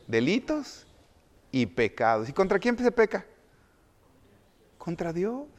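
A man preaching a sermon in a middle-pitched voice. He keeps asking the congregation questions and answering them himself. His delivery swings from loud, emphatic phrases to quiet, low asides. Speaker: pastor.

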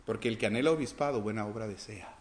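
A man preaching a sermon and reading scripture aloud, asking the congregation rhetorical questions and swinging between loud emphasis and quiet asides. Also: on the low side, fast talker. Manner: reads scripture aloud, acting out the dialogue.

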